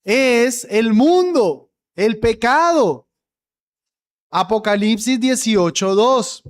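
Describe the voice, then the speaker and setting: Male pastor preaching real slow, leans hard on key words. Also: very high-pitched, animated. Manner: emphatic, stretches key words, repeats for emphasis. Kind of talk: sermon.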